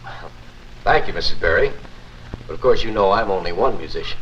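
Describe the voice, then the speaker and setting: An actor playing a courteous, confident church organist, explaining in a formal, measured 1950s narrator manner for a promotional film. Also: male voice, sits low, lively intonation, a bit bright. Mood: courteous, earnest. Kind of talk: 1950s promotional film acting, scripted demonstration. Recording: muffled, noisy 1950s film soundtrack.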